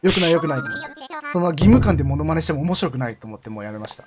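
A young man giving casual commentary while streaming a game, chatty and laughing often, with sudden loud outbursts. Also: fairly high pitch, lively intonation, racing. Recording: game music playing behind the voice. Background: background game music.

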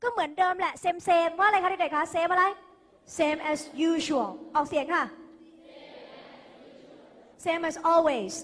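A Thai woman with a high, bright voice teaches English to a class, playfully coaxing her students and drilling their pronunciation again and again. She is lively and calls them "kids" and "dear." The phone recording rings with long reverb from an echoey hall.

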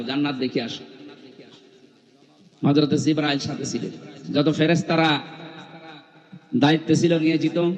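This male preacher's voice runs on the high side and is a little mellow. He delivers an Islamic sermon through a stage microphone at a large open-air evening gathering, emphatic and chiding with flashes of humor. The PA lends a muffled hall echo.

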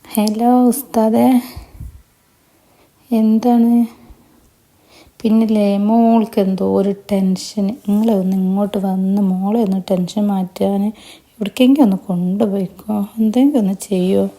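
A woman's voice: medium pitch, fairly even intonation, measured pace, long pauses, warm tone, natural voice. Woman doing a scolding, caring old grandmother. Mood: worried. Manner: scolding, insistent. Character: fussing, caring older grandmother.

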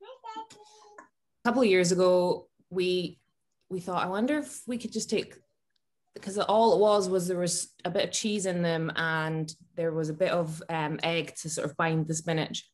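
A woman's voice: lowish voice, unhurried. A woman co-hosting a casual chat, thinking aloud with hesitant fillers and restarts. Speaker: co-host from the bakery.

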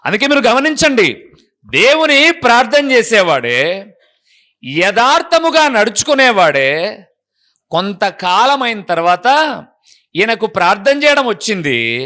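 Male pastor; emphatic sermon full of rhetorical questions, very animated delivery. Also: very high voice. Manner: emphatic preaching, asking the congregation rhetorical questions.

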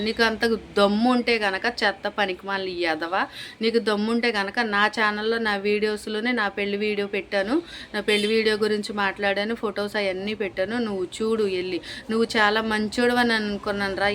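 A woman's voice: medium pitch, a bit bright, a little hiss or hum. A young woman vlogger delivering an angry, accusatory rant straight to the camera, scolding and repeating insults. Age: young adult.

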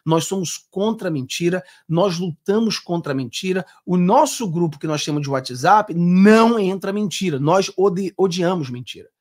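A Brazilian man in his thirties reacts live to political clips, talking earnestly and with emphasis. His voice sits a little higher than most men's. He speaks into a desk mic in a small home studio. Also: animated, moderate pace, hardly any pauses, darkish tone. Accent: Brazilian Portuguese. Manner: earnest, emphatic, gestures with hands. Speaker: political commentator. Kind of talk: live-stream reaction commentary. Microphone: over-ear headphones, desk mic.

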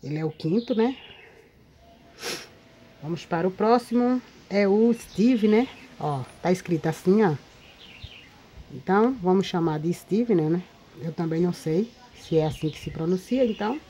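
A Brazilian woman with a lowish, mellow voice chats to her viewers, often checking in with little tag questions. She is recorded outdoors, and a faint ambience sits behind her. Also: moderate pace, pauses often, slight background noise. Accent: Brazilian Portuguese. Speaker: paper craft video maker. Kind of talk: casual show-and-tell vlog. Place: outdoors in a windy spot.

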